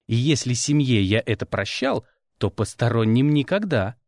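Wry male audiobook narrator, lively. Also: medium pitch, moderate pace, no room sound, studio quality. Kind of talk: first-person audiobook narration.

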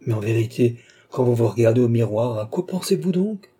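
A man voicing an irascible aging nobleman scolding his daughter in an exasperated, sharp manner. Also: mid-range voice, lively intonation, normal speed, slightly rough.

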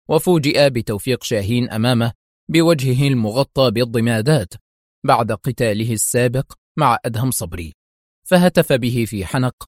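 Brief: male thriller narrator, middle pitch, steady read, close dry mic. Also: no echo. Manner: steady, measured reading. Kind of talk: dramatic audiobook narration.

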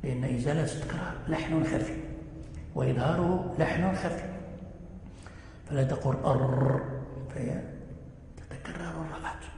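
A man teaching the rules of Quran recitation, explaining in plain speech and chanting example words slowly. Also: on the high side, background noise. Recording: echoey hall recording.

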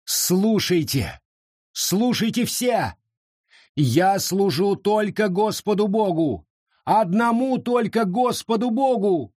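A man voicing a young woman accused of witchcraft, loudly declaring her faith, in a storybook reading. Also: lowish voice, expressive, slow, husky, no echo, clean studio sound, exaggerated voice. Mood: defiant. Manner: pleading then defiant, declaiming.

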